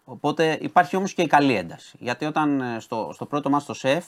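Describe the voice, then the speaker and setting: A man gives news and sports commentary as a studio contributor. His pitch rises and falls a lot. He hedges often and restarts his sentences while he works out what he wants to say. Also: lively intonation.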